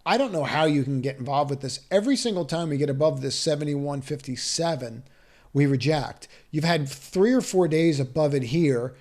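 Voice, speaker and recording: The stock market analyst's voice is fairly high and a bit mellow, at an ordinary speed. He walks through charts on his shared screen, thinking out loud, restarting, asking rhetorical questions and advising cautiously.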